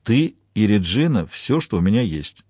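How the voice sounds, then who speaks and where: A man voicing a worried husband who speaks in a quiet, weary, halting way in an audiobook. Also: fairly low pitch, big pitch swings, husky, no room sound, clean studio sound.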